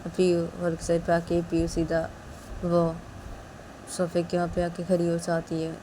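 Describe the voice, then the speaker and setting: Rich: A woman narrating a serial love story in a low-set voice, stringing events together in a plain, chatty way. Faint noise hangs under the homemade recording. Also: completely flat delivery, unhurried, warm tone, poor audio. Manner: plain retelling with many linking words.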